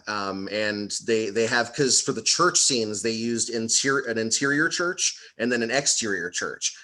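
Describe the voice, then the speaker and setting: A man's voice: lowish voice, pushed and bright. A man hosting a casual roundtable interview over a video call, friendly and rambling with frequent restarts. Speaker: podcast host.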